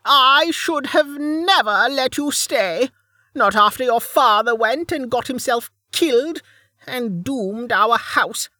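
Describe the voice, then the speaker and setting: Guy putting on a spiteful ancient crone voice, high and swoopy, slow, sneering. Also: lively intonation, bright, forceful tone, dry recording, studio quality, heavily acted. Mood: venomous. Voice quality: high, shrill and drawn-out. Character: ancient withered old woman, venomous and scornful. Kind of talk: audiobook character voice.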